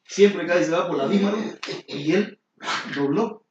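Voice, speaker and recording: A middle-aged man, preaching a sermon as pastor with lively storytelling and questions to the congregation. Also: high-pitched, moderate pace, a little hiss or hum. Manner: animated storytelling, sudden exclamations, rhetorical questions to the congregation. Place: church sanctuary. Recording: roomy hall, distant mic, dull and lo-fi.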